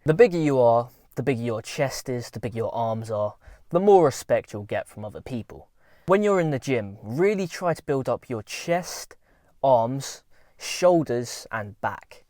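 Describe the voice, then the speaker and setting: Young guy, mid-pitched, earnest and informal, coaching viewers in a dry, close-miked vlog. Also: expressive, a little slow, a little mellow, dry recording. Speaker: self-improvement vlogger. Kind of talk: casual advice talk to camera.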